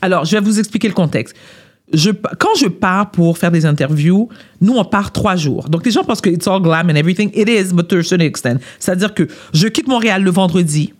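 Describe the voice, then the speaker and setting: A man with a Quebec French accent, a former entertainment journalist chatting as a podcast guest, telling animated stories and slipping English phrases into his French. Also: sits high, fairly quick. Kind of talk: casual podcast chat.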